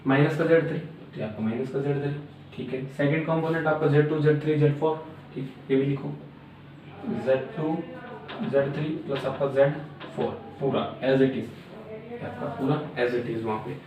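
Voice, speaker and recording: A man's voice: mid-range voice, fairly even intonation, normal speed. A man teaching circuit theory at a board, explaining step by step and repeating filler words. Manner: repetitive filler-laden explaining, frequent "aapka". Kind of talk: classroom lecture at a board. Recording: very echoey room, mic far off, faint noise.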